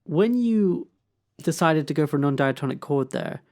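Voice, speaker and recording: A man co-hosting a songwriting podcast, asking curious, detailed questions in a relaxed, playful chat. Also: fairly high pitch, normal speed. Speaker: podcast co-host. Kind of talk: casual chat about songwriting.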